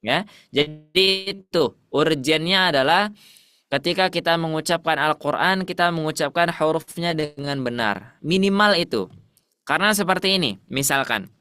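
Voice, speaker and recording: Bright, crisp-voiced male tajwid teacher. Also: fairly high pitch, normal speed. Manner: asks the class questions and repeats answers. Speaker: Quran recitation teacher. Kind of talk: classroom teaching.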